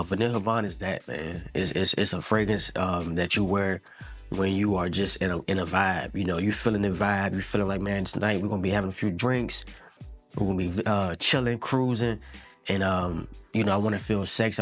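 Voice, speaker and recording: Laid-back low-voiced man reviewing fragrances. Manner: laid-back, slangy, repeats words and says "man" often. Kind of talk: casual product review.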